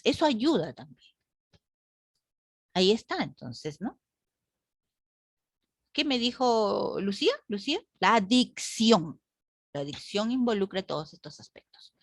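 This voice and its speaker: A woman's voice: medium pitch, slightly rough, dry recording, clean studio sound. A woman teacher lecturing a class online, asking the group rhetorical questions and often adding "¿no?".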